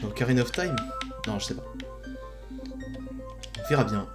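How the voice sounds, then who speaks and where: A man's voice: mid-range voice, lively intonation, moderate pace, over loud music. A man doing casual live gaming commentary as a streamer, with a jokey, mock-grand manner and muttered asides. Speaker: video game streamer.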